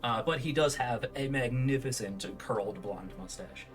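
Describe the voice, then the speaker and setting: A man narrating a tabletop game as game master, improvising scenes in a halting, self-correcting way. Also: medium pitch, soft background music.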